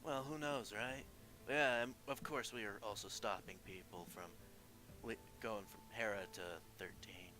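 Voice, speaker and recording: A man's voice: lowish voice, a little slow, lightly acted. Man doing a laid-back stoner guitar dude. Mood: mellow. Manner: drawling stoner voice.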